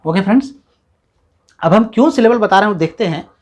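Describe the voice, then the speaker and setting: A man teaching a grammar lesson step by step. He sounds out syllables slowly and keeps checking in with the class. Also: sits high, a little mellow. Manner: explains step by step, often checks in with "है ना" and "ठीक है". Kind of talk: classroom-style video lesson.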